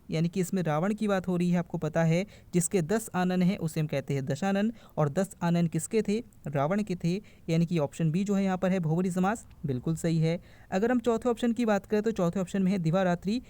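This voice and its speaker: A man's voice: high voice, fairly quick, dark tone, dry recording. A man teaching an online exam-prep grammar lesson, reading out each answer option in turn and then explaining it to his viewers, whom he calls friends. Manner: calls the viewers friends and stresses what to remember. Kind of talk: online quiz-style lesson.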